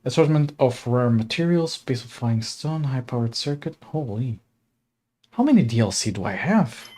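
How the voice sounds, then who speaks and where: This young Slovak streamer speaks in a mid-range, mellow voice with lively intonation and a moderate pace. During his casual gaming livestream he laughs a lot, chats easily, and reads the game text aloud through a desk mic.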